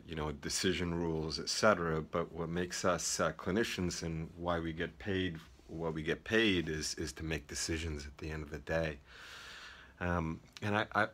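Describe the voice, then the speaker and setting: Low-voiced man rambling through an office vlog. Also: a bit bright. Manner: rambling, many fillers and restarts. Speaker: emergency physician educator. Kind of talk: informal teaching vlog. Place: small office indoors. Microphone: phone held at arm's length.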